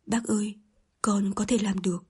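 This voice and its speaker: A timid young suitor pleading with a shaky voice, read by a woman narrator. The voice is breathy and soft, almost a whisper. It sounds like a storybook reading. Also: medium pitch, steady tone, normal speed.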